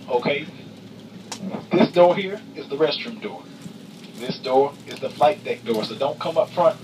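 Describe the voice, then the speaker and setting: A man working as a flight attendant gives a comedic cabin announcement with playful, mock-stern deadpan sass and emphatic repetition. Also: medium pitch. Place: aircraft cabin. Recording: distant, noisy aircraft cabin capture.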